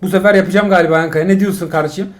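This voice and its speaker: A middle-aged man, a father, playing a mobile driving game with his son and commenting casually, excitable and exasperated by turns, full of jokes. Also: high-pitched, very fast, faint music behind.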